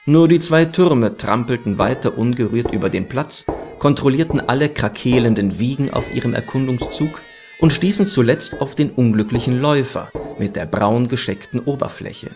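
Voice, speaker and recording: A man narrating a storybook in a measured, expressive reading. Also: mid-range voice, background noise. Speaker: audiobook narrator. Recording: music playing underneath.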